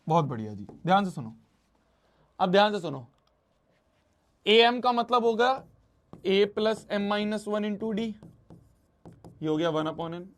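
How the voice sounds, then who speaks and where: A man teaching a math lesson, repeating his phrases and mixing Hindi with English math terms. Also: high-pitched.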